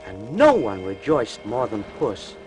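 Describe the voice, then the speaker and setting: A man narrating a fairy tale for a storybook record, in an expressive, deliberate storytelling style. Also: lowish voice, music in the background, poor audio.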